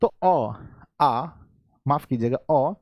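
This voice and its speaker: A male Hindi grammar teacher with a Bihari accent, giving a live online class. He keeps asking his students questions, repeats key points, and often clears his throat. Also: mid-range voice, animated, very slow, darkish tone, no echo, clean studio sound.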